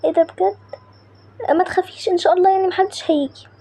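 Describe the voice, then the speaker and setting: A woman with an Egyptian accent telling a story in lively, conversational character voices. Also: very high voice, rapid-fire, dry recording. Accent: Egyptian Arabic.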